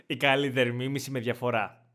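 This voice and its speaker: A man's voice: medium pitch, flat delivery, fairly bright tone. A young man chatting playfully as a voice impressionist on his vlog. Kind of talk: casual vlog chat.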